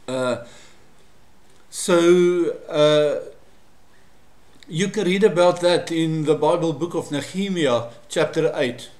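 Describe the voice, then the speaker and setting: An Afrikaans man presents a Bible study as a solo monologue to camera in an echoey room. His voice is a little high and a little mellow, and he explains things in a measured way with frequent fillers.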